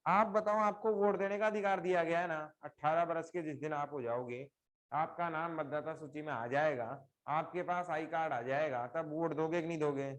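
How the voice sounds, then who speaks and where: A middle-aged man teaching a live online class, explaining slowly with repeated examples and putting questions to his students. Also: a little high, steady tone.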